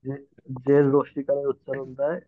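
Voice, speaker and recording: A man's voice: mid-range voice, monotone, a little fast, no room sound. A male student answering the teacher's questions, hesitantly reciting his answers. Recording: tinny phone-like call audio.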